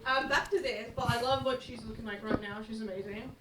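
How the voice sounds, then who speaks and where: A woman's voice: fairly high pitch, fairly even intonation, fairly quick, over a noisy crowd. An Australian woman on a comedy panel, giggly and blunt, swearing freely. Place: studio stage before a live audience. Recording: distant, roomy, noisy live studio.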